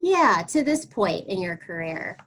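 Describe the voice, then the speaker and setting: A woman hosting an online artist webinar over a video call, introducing her guest effusively with many pauses and fillers. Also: medium pitch, big pitch swings, a bit bright, a little hiss or hum, low-quality recording. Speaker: host of online workshop. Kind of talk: webinar interview.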